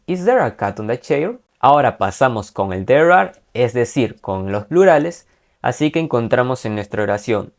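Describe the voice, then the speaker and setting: Male teacher from Peru, patient step-by-step lesson narration, lively intonation. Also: medium pitch. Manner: explains step by step, reads English examples slowly and carefully. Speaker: English teacher.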